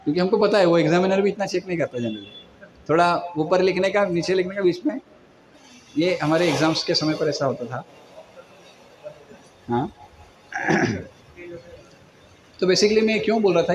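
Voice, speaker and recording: A man delivers a relaxed devotional lecture in a conversational way, slipping into quoted voices as he tells everyday stories. His voice sits a little high for a man. Faint background noise runs under the recording. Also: normal speed, pauses often. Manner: conversational, acts out quoted people. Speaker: preacher.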